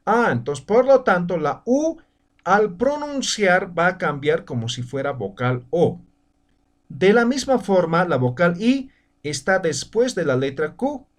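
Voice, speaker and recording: A man teaching a spoken lesson over slides, slowly stretching out example words and checking in with short "right?" tags. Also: high-pitched, very animated. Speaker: language teacher.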